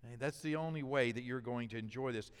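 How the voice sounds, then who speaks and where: A man's voice: mid-range voice, fast talker, clear, resonant tone. Older male preacher in a reverberant hall. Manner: preacherly, swings between loud build-ups and hushed asides. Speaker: pastor. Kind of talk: sermon.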